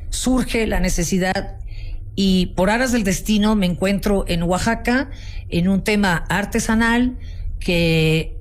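A woman's voice: on the low side, slight background noise. A woman with a Mexico City Spanish accent, a guest telling her story in a casual interview, passionate and full of restarts. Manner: warm, passionate storytelling with many restarts and fillers. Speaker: guest, founder of a folk art business.

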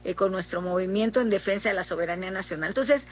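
A middle-aged Mexican woman senator answering in a political interview, speaking haltingly with many fillers and restarts. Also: mid-range voice, slightly rough. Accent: Mexican Spanish.

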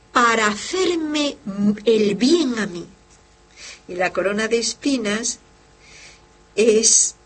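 A religious sister living in Barcelona hosts a devotional program, explaining with fervor, speaking straight to her listeners, and reading their letters as part of her devotional teaching. Her mid-range voice is a bit bright and slightly rough.

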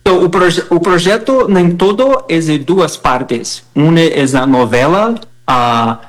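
A man's voice: fairly high pitch, lively intonation, takes it slowly, rough recording. A Brazilian man whose first language is Portuguese, interviewed as a guest artist, speaking hesitantly and mixing Portuguese, Spanish and English.

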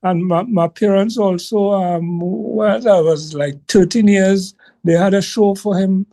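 Earnest Trinidadian man reminiscing slowly. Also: high-pitched, steady tone, gravelly, warm tone. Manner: slow, earnest storytelling. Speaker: guest musician. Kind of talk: reminiscing interview answer.

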